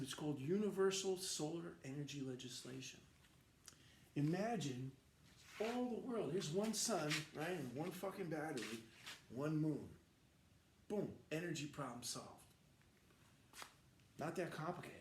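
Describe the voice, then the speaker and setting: A man rambling in a profane, animated monologue, swinging from mumbling to shouting. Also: a little high. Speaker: vlogger. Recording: roomy echo with faint noise.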